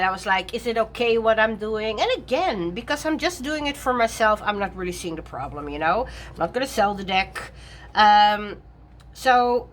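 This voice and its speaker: A woman's voice: medium pitch, a bit bright. Chatty woman rambling about her tarot decks. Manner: chatty and self-correcting, laughs often. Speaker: tarot vlogger. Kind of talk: rambling casual chat.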